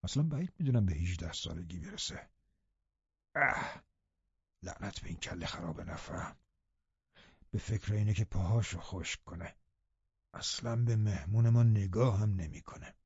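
A man voicing a bitter, scheming middle-aged man in an audiobook, speaking in a low, muttering, sardonic manner. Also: very animated, long pauses, dark tone, no echo. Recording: dull, dry audiobook recording.

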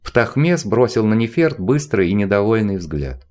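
A male audiobook narrator reading a novel. His voice sits on the low side for a man, yet moves animatedly through each sentence. The storytelling is expressive and steady. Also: moderate pace. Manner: expressive, even-paced storytelling.

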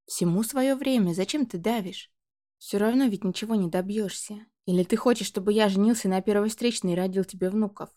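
A woman's voice: medium pitch, fairly quick, dark tone, close to an everyday voice. A woman reading the lines of a tired, patient son in his late twenties in an audiobook. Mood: exasperated. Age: 20s. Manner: tired, pleading. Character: weary 29-year-old son, patient.

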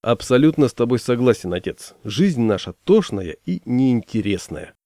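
A man's voice: mid-range voice, animated, moderate pace, dark tone, dry recording, clean studio sound, lightly acted. A man voicing a smug, bookish friend who talks in an ironic, lecturing way.

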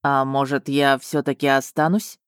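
A woman's voice: extremely low pitch, little pitch movement, normal speed, smooth, no echo, studio quality, pitched below the performer's own voice. Woman reading a sly, teasing courtier. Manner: teasing and drawling. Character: sly, mocking male courtier.

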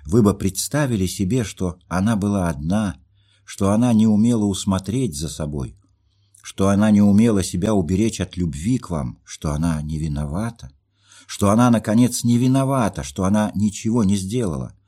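A man's voice: sits low, normal speed, mellow, slightly rough, voice pushed up. A man reading a story aloud, voicing a hurt young woman who pleads through tears. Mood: distraught. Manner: impassioned, pleading questions.

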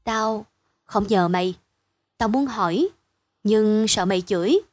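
A woman voicing a pushy, boastful village boy in a bedtime story, loud and insistent. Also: mid-range voice, unhurried, no room sound, close to an everyday voice.

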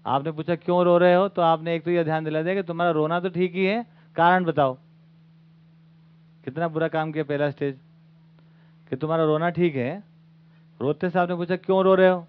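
A man's voice: a little high, fairly even intonation, normal speed, long pauses. A man giving an informal talk as the teacher of a study camp, often asking his audience rhetorical questions. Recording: phone-like lo-fi recording.

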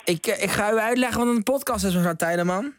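A woman's voice: medium pitch, fast talker, dry recording. A woman studio guest on a radio show, patiently explaining things in a casual chat. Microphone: studio microphone.

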